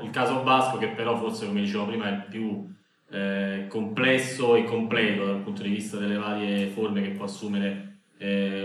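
Low, monotone man, very echoey. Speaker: conference moderator. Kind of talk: introducing speakers. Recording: very echoey room.

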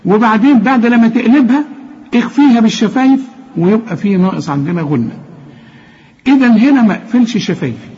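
Brief: Egyptian man, recitation teacher, high and slightly husky, asks quick questions then stretches words slowly, dull lo-fi tape. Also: lively intonation, a little mellow. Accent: Egyptian Arabic. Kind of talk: tajweed lesson, explaining and demonstrating recitation.

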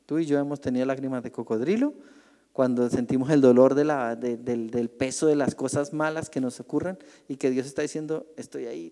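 A man's voice: mid-range voice, dark tone, long reverb tail. A male pastor teaching a Bible class in a conversational way, asking the group questions and acting out the voices he quotes.

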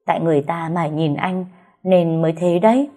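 A woman's voice: on the low side, brisk, mellow, natural voice. A woman voicing a young housemaid who talks in a coy, pleading whine. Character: young wheedling housemaid girl.

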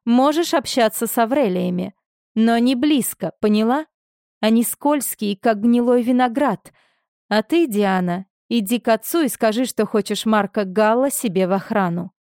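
A woman's voice: fairly high pitch, moderate pace, a little mellow, dry recording, studio quality, natural voice. A woman voicing a cold, commanding noble stepmother who hisses and barks her orders. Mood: haughty. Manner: hissing, commanding. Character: cold, imperious noble stepmother, cruel-tempered.

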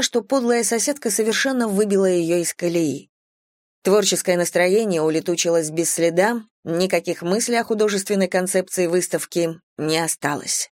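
A woman narrating an audiobook in an expressive, varied tone, close to the mic. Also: mid-range voice, no room sound. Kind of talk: scripted narration.

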